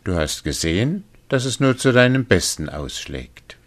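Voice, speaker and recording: A small grey helper-man, put on by a man in a storybook reading. The voice sits high above a deep narrating voice and pushes orders out urgently. It is bossy in a friendly way. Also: very animated, slow, heavily acted. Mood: cheerful. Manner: raised pitch, urgent and commanding.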